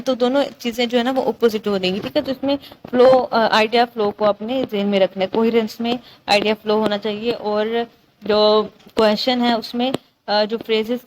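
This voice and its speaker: A woman's voice: a little high, a little hiss or hum, poor audio. A woman tutor, going over exam topics in a casual lecture, often checking in with her students. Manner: repetitive, checks in with "theek hai?".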